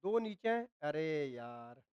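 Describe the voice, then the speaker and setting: At a whiteboard, a Hindi-accented chemistry teacher lectures slowly in a clear, resonant, rather high voice whose pitch swings widely. He coughs from a dry throat, questions his students and supplies the answers, repeats points and keeps asking "ठीक है ना". The sound is lo-fi with no room sound.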